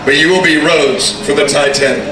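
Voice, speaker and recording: A man with a fairly high voice hosts a stage hypnotism show, speaking in commanding, repetitive hypnotist patter. He is heard from a distance in an echoey hall, with music and a crowd behind him. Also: steady tone, a little fast. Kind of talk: stage hypnotism show, addressing audience and volunteers. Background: music and crowd noise.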